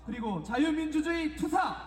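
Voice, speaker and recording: A male rally emcee calls out announcements in a very high, declamatory shout. His voice rings with long reverb over an echoey PA system. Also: expressive, normal speed, a little hiss or hum. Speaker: rally emcee introducing speakers.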